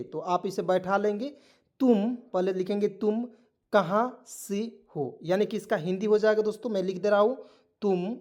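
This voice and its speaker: A man with a Hindi accent teaching spoken English, spelling words letter by letter and checking in with his students. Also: sits high. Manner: repetitive, keeps asking "ठीक है" and quizzing. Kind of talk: online spoken-English lesson.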